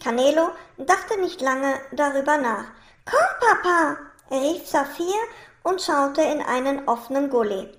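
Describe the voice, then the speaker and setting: A woman narrating a children's storybook with a calm, clear read-aloud delivery. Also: sits high, unhurried. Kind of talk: storybook reading. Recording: roomy echo.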